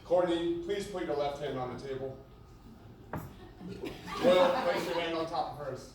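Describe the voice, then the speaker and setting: A young man with a slightly high voice delivers a joking wedding toast in short, paused phrases. He is heard from a distance in a very echoey room, with clear noise behind him. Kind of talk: humorous wedding speech. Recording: echoey venue, distant mic, noisy background.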